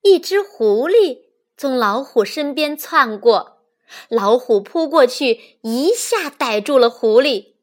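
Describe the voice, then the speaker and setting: A woman hosting a children's reading show, telling fables to the listeners in a gentle storytelling voice. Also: sits high, lively intonation, slow pace. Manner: gentle, addresses listeners as darlings. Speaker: children's textbook reader, host.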